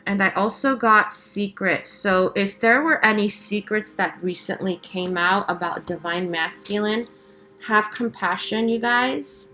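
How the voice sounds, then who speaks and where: Slow-paced woman giving a spiritual card reading. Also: mid-range voice, pushed and bright, faint music behind. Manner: halting, reflective, reassuring, often checks in with "okay?". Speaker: tarot card reader and spiritual guide. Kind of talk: casual spiritual channeling monologue with card reading.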